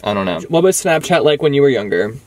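A man's voice: medium pitch, sing-song, fast talker, darkish tone, dry recording. A young man chatting casually and teasingly to camera as a vlogger inside a car. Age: young adult. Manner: playful teasing of his grandmother. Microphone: camera in front at arm's length.

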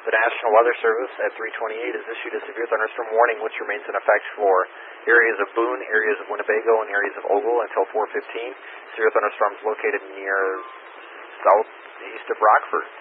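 Male net control operator, low voice, tinny static-heavy radio transmission. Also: level tone, a little fast. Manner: procedural, reads warnings aloud. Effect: radio transmission with room static. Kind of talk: amateur radio weather net. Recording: static-filled thin radio line.

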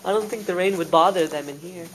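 A woman's voice: lowish voice, fast talker, far from the mic, poor audio. A woman chatting casually as a tourist. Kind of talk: casual chat. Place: underground cave tunnels. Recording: handheld camera, crowd chatter.

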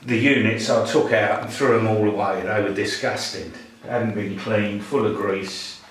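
A man's voice: fairly low pitch, fairly even intonation, moderate pace, recorded from a distance. An older man talking casually about his renovation work, listing each job in a plain, matter-of-fact way. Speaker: homeowner showing his renovation. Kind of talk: casual walkthrough chat. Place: small cottage rooms indoors, then garden outdoors. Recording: echoey rooms with faint background noise.

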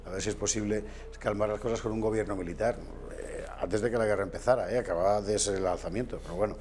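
A man's voice: lowish voice, a little mellow, a little hiss or hum. A man in his fifties, a guest author in a TV news studio, talking in a discursive way with wry asides, recorded on a lapel mic.

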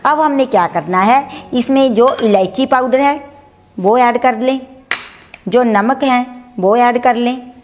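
A middle-aged woman cooks in her home kitchen, chattily explaining each recipe step for her cooking channel and mixing in English words. Her fairly high voice moves slowly, with a little hiss or hum.

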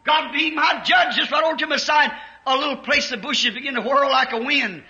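A man preaching a fervent sermon, telling a personal story with rising emotion and bursts of shouting. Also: very high-pitched, moderate pace. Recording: muffled, roomy old sermon recording.

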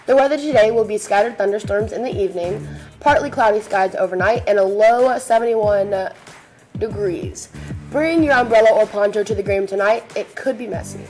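A woman's voice: medium pitch, moderate pace, darkish tone, faint music behind. A teenage young woman co-hosting student news, reading school announcements in a chatty, playful manner. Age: teens. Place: small school video studio, seated at desk.

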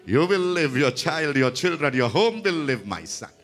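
High, gravelly pastor blessing his flock. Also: very animated, normal speed, faint music behind. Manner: emphatic, repetitive blessings, breaks into song and shouts. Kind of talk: healing service preaching.

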